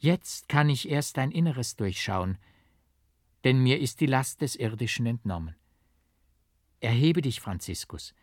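A man voicing the gentle ghost of a mother admonishing her son in a storybook reading. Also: medium pitch, lively intonation, measured pace, pauses often, dry recording, studio quality. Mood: tender, admonishing.

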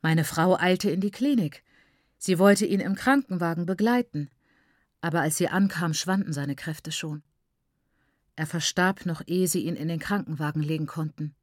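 A woman reading an audiobook, voicing a solemn elder uncle who speaks in a measured, grave way, recorded dry. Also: lowish voice, no echo, lightly acted.

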